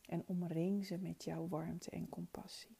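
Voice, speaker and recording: A woman leading a guided meditation in a soft, soothing, spa-like whisper, gentle and breathy. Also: fairly low pitch, little pitch movement, unhurried.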